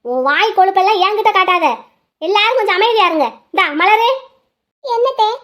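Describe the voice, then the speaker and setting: A woman voicing a sharp-tongued, bossy mother-in-law in a cartoon, scolding as she talks. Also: extremely high pitch, animated, fairly quick, muffled recording. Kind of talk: cartoon voice acting.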